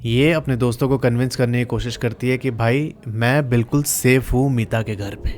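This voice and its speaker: A man's voice: mid-range voice, steady tone, normal speed, darkish tone, slight background noise. Chatty male storyteller. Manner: chatty, addresses listeners as friends. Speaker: horror story narrator. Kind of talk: casual storytelling narration.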